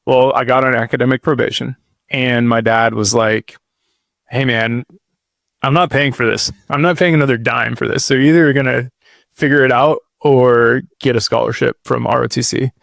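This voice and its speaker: Clean studio sound and a dry recording capture a medium-pitched, steady voice that's gravelly and a bit bright, moving at normal speed. The man, in his thirties, is a podcast guest rambling casually through his life story, relaxed and constantly saying "dude" and "like."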